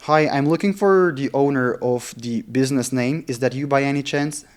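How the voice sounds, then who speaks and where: A man with a mid-range voice speaks at normal speed with a clean tone in a casual, candid vlog about practicing sales cold calls. English isn't his native language; Italian or German is his stronger tongue.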